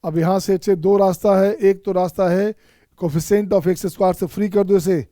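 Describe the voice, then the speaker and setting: An Indian man teaches math in an online exam-prep lecture, mixing Hindi with Indian-accented English and coaxing the students he calls children to work out each step themselves. His voice is high and warm, steady in tone, at a moderate pace. The studio sound is clean with no room sound.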